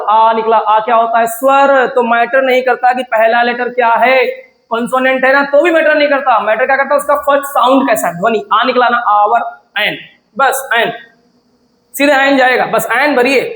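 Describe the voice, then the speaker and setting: A man teaching an English grammar lesson, asking questions and answering them himself, and repeating words slowly to model pronunciation. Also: very high-pitched, steady tone, fairly bright tone, reverberant, low-quality recording. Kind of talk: classroom lesson.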